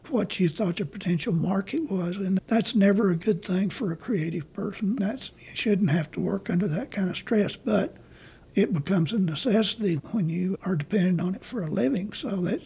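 An older man, an artist being interviewed, telling stories in a rambling, halting way. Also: high voice, creaky, warm tone, breathy edge. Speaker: artist guest. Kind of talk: casual interview talk.

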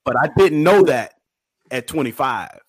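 Pastor-host, man in his forties, from Illinois. Animated, emphatic anecdotes on a dead-dry mic. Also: fairly high pitch, measured pace, husky, dry recording. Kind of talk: casual panel discussion.

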